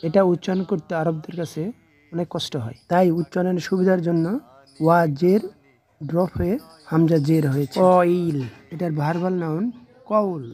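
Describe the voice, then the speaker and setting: Husky, dark-voiced male grammar teacher. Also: fairly high pitch, steady tone. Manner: measured, explains each form and then glosses its meaning; recites word forms in short phrases like a list. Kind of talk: step-by-step grammar lecture.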